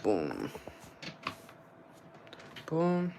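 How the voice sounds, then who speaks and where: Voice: medium pitch, wildly swooping pitch, extremely slow, vocal fry, noisy background. A young streamer chatting casually to viewers in slangy bro-talk, repeating short phrases over and over. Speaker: live streamer. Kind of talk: casual livestream chat with viewers about game trading.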